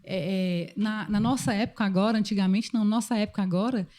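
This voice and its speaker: A woman in her thirties, a podcast guest, telling a personal story in casual chat with an expressive manner. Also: medium pitch, a little fast.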